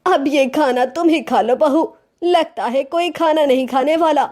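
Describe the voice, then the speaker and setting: A woman's voice: high voice, unhurried, a little mellow. A woman voicing a bossy, nagging middle-aged mother-in-law in a cartoon story. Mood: scolding. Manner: scolding, nagging questions.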